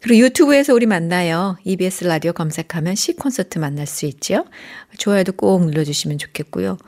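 Soft-spoken woman radio DJ. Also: fairly low pitch, lively intonation, brisk. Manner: gentle, reads listener texts aloud. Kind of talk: radio show hosting and poetry reading. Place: radio studio. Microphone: studio microphone.

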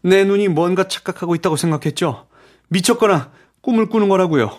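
A man voicing an agitated, impatient young nobleman in an audiobook drama, speaking urgently and excitedly. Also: a little high, moderate pace, voice pushed up, lightly acted. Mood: bewildered.

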